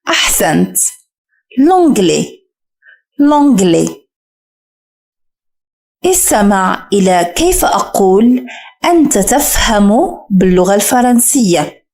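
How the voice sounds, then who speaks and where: A woman teaching a French lesson, speaking slowly and carefully and repeating each French word for the listener to copy. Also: mid-range voice, very animated, darkish tone. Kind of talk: scripted language lesson.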